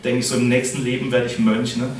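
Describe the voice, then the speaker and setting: A man's voice: mid-range voice, little pitch movement, quick pace, recorded from a distance, very noisy. A middle-aged man giving a casual sermon, speaking in a chatty way and often asking his listeners "ne?". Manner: chatty, keeps adding "ne?" to address the congregation. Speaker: preacher. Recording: echoey hall, voice from off-mic.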